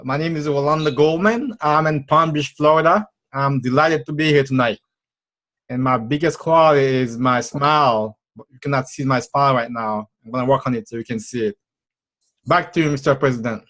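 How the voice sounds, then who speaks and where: A man's voice: medium pitch, normal speed, a bit bright. A man giving an upbeat, friendly self-introduction by audio on a video call. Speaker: club member.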